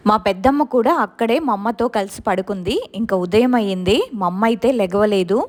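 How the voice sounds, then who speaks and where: A woman's voice: mid-range voice, brisk. A woman steadily telling a true ghost story in the first person.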